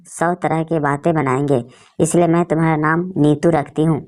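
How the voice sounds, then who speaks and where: A woman's voice: low voice, fairly even intonation, normal speed, darkish tone, close to an everyday voice. A woman voicing a grieving, loving mother who speaks tenderly through her tears. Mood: sorrowful.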